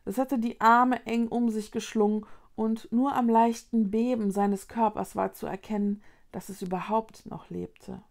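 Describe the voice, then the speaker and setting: A woman reading a children's storybook aloud in a calm, soft and measured way. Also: fairly high pitch, creaky. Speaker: storybook reader.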